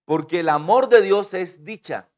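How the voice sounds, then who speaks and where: A man preaching a sermon to his congregation, swinging between booming declarations and hushed asides and calling on the listeners to repeat his words. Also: measured pace. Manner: calls on the congregation to repeat and respond. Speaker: pastor.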